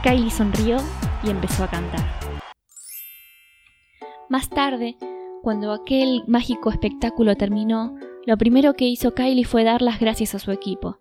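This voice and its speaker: Woman narrator, children's storybook, higher voice, gentle and measured, soft music underneath.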